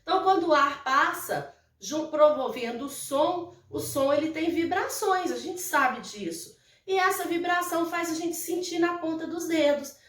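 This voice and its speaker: Speaking in a very high, fairly bright voice, this Brazilian woman teaches young children in a recorded primary school lesson. Her Brazilian Portuguese explanations are slow, patient and repetitive, with frequent check-ins to make sure the kids keep up, all picked up by a distant mic in an echoey room.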